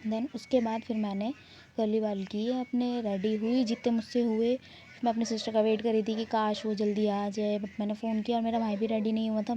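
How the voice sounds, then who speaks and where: A woman's voice: on the high side, dark tone. Chatty young woman, slightly dull recording. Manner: chatty, rambling, self-mocking. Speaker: vlogger. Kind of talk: casual vlog voice-over narration. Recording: dull lo-fi sound, faint background noise.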